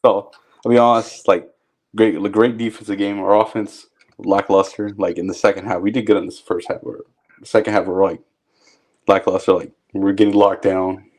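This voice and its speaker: A man's voice: on the low side, fairly even intonation, normal speed, darkish tone. A young man co-hosting a casual sports chat, blunt and laid-back, trash-talking players. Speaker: co-host.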